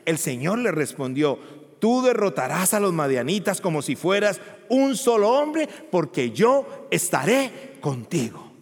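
A male pastor preaching emphatically, asking rhetorical questions and rising to loud peaks. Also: high-pitched, big pitch swings, measured pace. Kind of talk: sermon. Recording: long hall reverb.

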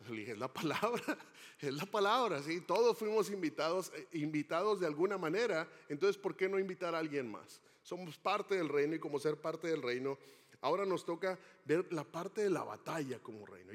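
A man preaching a sermon as pastor, asking the congregation questions as he goes. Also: high voice. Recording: long hall reverb.

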